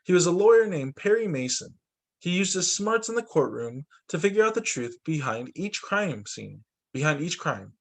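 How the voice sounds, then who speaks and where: A man with a fairly high, gravelly voice reads a storybook to children at a moderate pace. Like a teacher at story time, he's animated and lively, his pitch moving around a lot as he acts out the dialogue.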